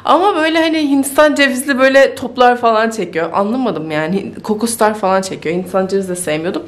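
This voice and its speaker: A woman's voice: on the high side, quick pace. Chatty woman vlogging from home. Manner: chatty, thinking aloud, easily amused. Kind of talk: casual vlog chat. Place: home kitchen.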